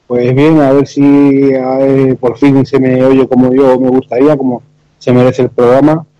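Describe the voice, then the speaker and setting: A man's voice: mid-range voice, little pitch movement, moderate pace, dark tone, no room sound, lo-fi sound. A man with an accent from Spain chatting casually as a podcast panelist. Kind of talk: casual chat.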